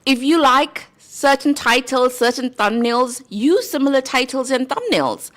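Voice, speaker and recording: A South African-accented YouTube creator gives casual talking-head advice, addressing viewers directly in an easy, conversational style that sounds earnest and practical. Her slightly high voice is expressive and fairly bright, and she often checks in with a quick "right?".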